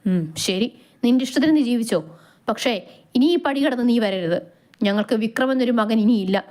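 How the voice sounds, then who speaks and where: A woman's voice: on the high side, fairly quick, dark tone, lightly acted. A woman doing a stern, scornful father. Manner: scornful, firm. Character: stern older father, cold and bitter.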